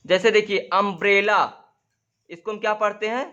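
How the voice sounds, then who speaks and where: A man teaching English grammar in a lesson, who keeps calling the viewers "friends", asks if they follow, and spells out example sentences slowly, word by word. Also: high voice, level tone, bright, forceful tone, highs cut off. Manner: repeats "dosto" and "theek hai" constantly, drawing on a board. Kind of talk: classroom-style grammar lesson.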